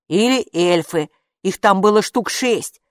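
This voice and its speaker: A woman voicing a calm, gloomy boy in an audiobook who explains things matter-of-factly. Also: mid-range voice, unhurried, no room sound, studio quality, close to an everyday voice. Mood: glum. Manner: glum, matter-of-fact. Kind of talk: audiobook character voice.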